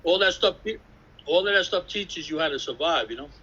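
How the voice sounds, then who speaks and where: Husky older New man rambling. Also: fairly high pitch, expressive, a little fast, pushed and bright, lo-fi sound. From New York City. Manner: swearing, laughing, jumps between stories. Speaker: interviewee, graffiti artist. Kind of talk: rambling casual storytelling. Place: indoors at an artist residence. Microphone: video call.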